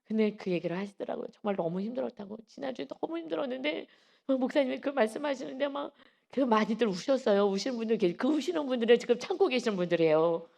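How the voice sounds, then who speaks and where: Emphatic woman pastor with a gravelly voice. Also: a little high, expressive, quick pace, a little mellow. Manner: emphatic, acts out quoted voices. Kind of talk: early-morning sermon. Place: church sanctuary.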